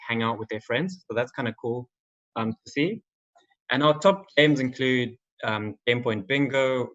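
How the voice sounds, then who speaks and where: A young games marketing manager from Zimbabwe gives an online conference talk in a casual manner, his speech full of "um" and "like." His male voice is mid-range and a bit bright, and the audio is slightly dull and lo-fi.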